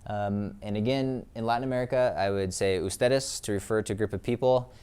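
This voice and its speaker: A man's voice: on the low side, fairly even intonation, brisk, darkish tone, smooth. A man teaching Spanish pronouns in a lesson video, explaining patiently with many ums and uhs. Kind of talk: classroom lesson.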